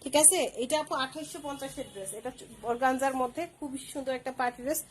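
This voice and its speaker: A woman's voice: sits high, steady tone, fast talker, a little hiss or hum, poor audio. A woman hosting a live clothing sale stream, using repetitive, persuasive sales patter.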